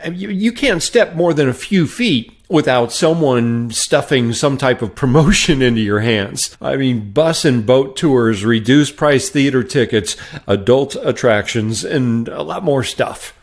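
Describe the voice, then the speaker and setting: A man hosting a solo podcast who tells a wry story in a conversational way and stresses words with jumps in pitch. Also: animated, a little slow, few pauses. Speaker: podcast host and sales trainer.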